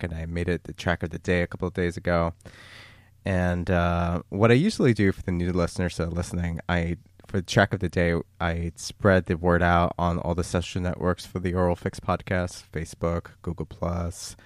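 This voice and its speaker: A man's voice: low-pitched, no echo, studio quality. A man hosting a podcast in a casual, chatty way, often laughing along. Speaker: podcast host.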